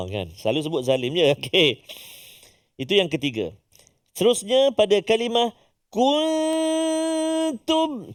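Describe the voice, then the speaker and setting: A middle-aged man teaching Quran recitation, coaxing learners to repeat after him and chanting example words. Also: mid-range voice. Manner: lively, coaxing, models recitation in drawn-out chant. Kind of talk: tajwid lesson with call-and-response practice.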